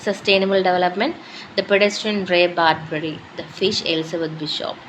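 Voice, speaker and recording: A woman with a Malayali accent reads a syllabus aloud, topic by topic, at a very slow and deliberate pace. Her voice sits a little low, and she mixes English and Malayalam between the items. Faint noise hums behind her. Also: fairly even intonation, fairly bright tone, rough recording. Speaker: teacher going through a syllabus. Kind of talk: reading out a course syllabus.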